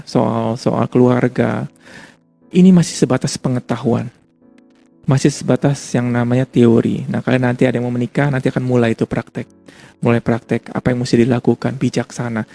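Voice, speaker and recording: Gravelly-voiced male pastor preaching casually. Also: medium pitch, dark tone. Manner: casual conversational preaching with repetition. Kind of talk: sermon.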